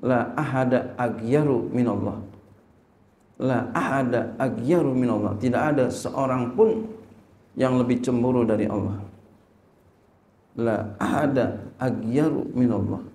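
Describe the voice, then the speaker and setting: A man's voice: medium pitch, a little slow, long pauses, darkish tone, reverberant. A male Islamic teacher teaching a religious lesson. He reads Arabic text, translates it and asks rhetorical questions.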